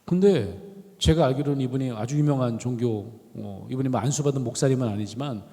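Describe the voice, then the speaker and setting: A man's voice: medium pitch, brisk, creaky. A middle-aged man giving a storytelling lecture in a university chapel, acting out the voices he quotes. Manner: animated storyteller who acts out quoted voices. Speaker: guest lecturer, professor. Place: large university chapel hall. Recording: long reverb of a large hall.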